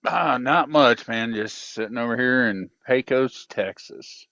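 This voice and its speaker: A man's voice: medium pitch, a little slow, pushed and bright, no room sound. Laid-back man over a muffled CB radio. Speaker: pilot car driver calling in. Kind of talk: casual chat over the radio.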